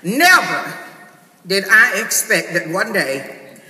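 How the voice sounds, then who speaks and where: As comic host of a theater awards show, a man plays a prim, scandalized church lady usheress, scolding the crowd in a pompous mock-sermon monologue. His high, very animated, pushed, bright voice is exaggerated, slow and emphatic, dotted with amens. Recorded distantly and noisily in an echoey theater hall from a large stage, with audience noise behind.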